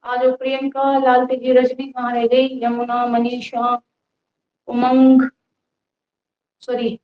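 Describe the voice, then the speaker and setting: A woman's voice: sits high, completely flat delivery, takes it slowly. A young woman teaching a casual live online class, chatty and teasing with her students, with a cold and a cough. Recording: roomy, dull lo-fi sound.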